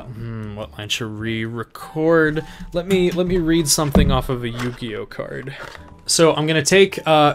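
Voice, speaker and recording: A young man casually talking through an audio software tutorial on a desk mic at home, rambling with fillers and self-corrections. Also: mid-range voice, a little hiss or hum. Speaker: tutorial host. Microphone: home desk microphone.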